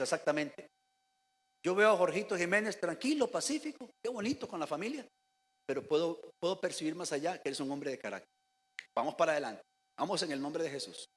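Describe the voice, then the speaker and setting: A man's voice: on the high side, a bit bright, slightly rough. A male pastor from Costa Rica giving a Sunday sermon, speaking directly to the congregation and asking them to repeat after him. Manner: addresses the congregation directly with questions and calls to repeat. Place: church sanctuary. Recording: church hall reverb.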